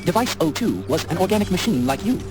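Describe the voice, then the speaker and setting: A metallic, filtered robot voice delivers clipped machine-speak with cold logic and preachy devotion, pitched high and swinging widely up and down. It plays as a cult-minded male robot in a video game, over heavy music. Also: big pitch swings, fast. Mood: flat, reasoning. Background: loud game music.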